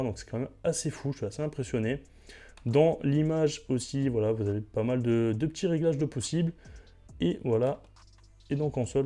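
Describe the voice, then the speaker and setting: A man's voice: medium pitch, warm tone. A man presenting a product review vlog in a chatty way, with frequent fillers. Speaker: tech reviewer.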